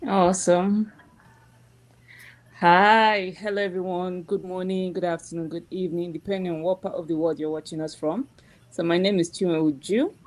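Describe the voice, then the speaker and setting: A woman's voice: fairly low pitch, steady tone, moderate pace. A woman from Nigeria, a panel guest on a live stream, introducing herself in an upbeat, friendly way. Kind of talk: casual self-introduction.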